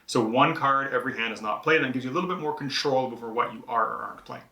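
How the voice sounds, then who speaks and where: A man's voice: mid-range voice, fast talker, sharp tone, roomy sound. A man explaining the rules of a card game as he plays, chatty and self-deprecating about his own moves. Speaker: board game publisher host teaching rules. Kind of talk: rules teach during live play. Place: indoors at a game table.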